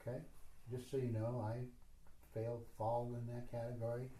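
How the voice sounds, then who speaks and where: A man's voice: medium pitch, monotone, moderate pace, dark tone, slight background noise. A man leading a spiritual retreat session, talking informally and rambling with many fillers and self-deprecating asides. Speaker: retreat teacher. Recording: roomy echo.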